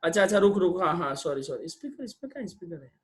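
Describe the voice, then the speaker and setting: A man teaching an interactive online religious lesson over a video call, quizzing participants in a brisk, coaxing way and mixing in English phrases. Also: sits high, big pitch swings.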